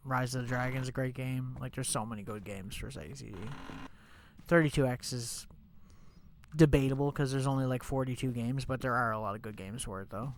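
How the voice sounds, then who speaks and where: Young male streamer, stuffy-nosed, chatty, mid pitch, faint noise. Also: a little fast. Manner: chatty, rambling, many fillers like "like" and "you know". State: stuffed up, congested. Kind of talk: casual live-stream chat while gaming.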